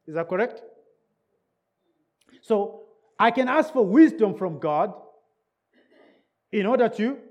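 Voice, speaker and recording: In a church service in England, a man with a high, slightly rough voice preaches a sermon in English, which isn't his first language, repeating key words and checking in with listeners.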